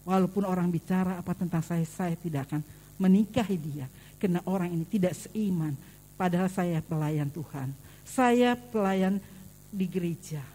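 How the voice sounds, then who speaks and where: A woman with a Javanese accent preaching a sermon in church, telling stories and acting out the voices of the people in them. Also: mellow. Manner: storytelling, acts out quoted voices, rises high on pleas.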